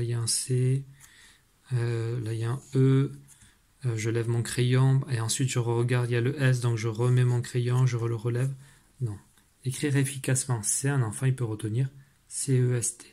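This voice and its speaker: A man's voice: medium pitch, darkish tone, slightly rough. A male teacher explaining a reading and writing exercise to parents step by step, with frequent fillers and restarts. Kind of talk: recorded lesson for parents.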